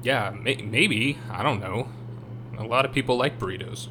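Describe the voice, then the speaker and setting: A man playing a kindly, self-doubting afterlife attendant in an audio drama, hesitant and low-key. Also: moderate pace, natural voice. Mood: doubtful. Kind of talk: scripted audio drama acting. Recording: clearly audible humming noise.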